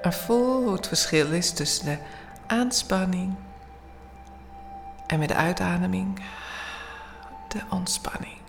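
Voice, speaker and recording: Slow, hushed woman guiding relaxation over music. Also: on the low side, animated, vocal fry. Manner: slow, soothing, hushed, often near-whispered, with long pauses. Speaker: guided relaxation instructor. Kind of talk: guided bedtime body-scan meditation.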